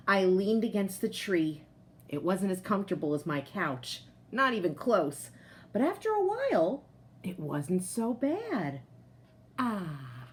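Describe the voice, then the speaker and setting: A woman with a medium-pitched voice reads a picture book aloud to children in an expressive, teacher-like storytelling style, making friendly asides to her young listeners.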